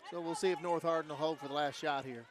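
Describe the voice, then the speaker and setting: Color guy breaking down the game, kinda higher voice, lots of uh's, gym noise. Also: fast, some chatter behind. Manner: relaxed analytical, frequent fillers. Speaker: color commentator. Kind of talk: basketball color commentary.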